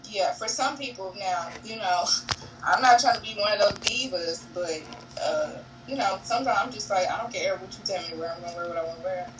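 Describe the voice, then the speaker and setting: Over music, a reality show cast member speaks a little fast in a medium-pitched, naturally monotone voice. The young woman is a guest on a casual video call interview, candid and quick to laugh, using "honey" and "y'all." Her mic is distant, with faint noise.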